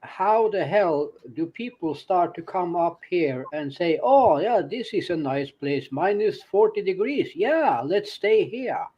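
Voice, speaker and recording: A man who grew up in Norway, chatting on a casual call in a slow, musing way, putting on mock voices when quoting. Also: high voice, expressive, slightly rough, dull audio. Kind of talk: casual group chat.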